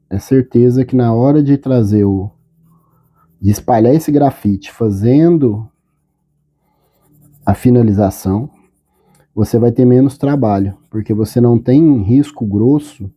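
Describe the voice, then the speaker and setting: A man teaching a step-by-step drawing tutorial, calm and patient, often checking in with short questions. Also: medium pitch.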